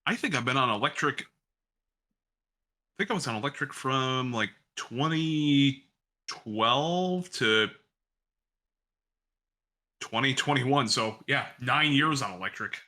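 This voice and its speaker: A radio man chats while cooking in his home kitchen, which has a gas stove, rambling along and poking fun at himself. His medium-pitched voice sounds pushed and bright, and he talks slowly with long pauses.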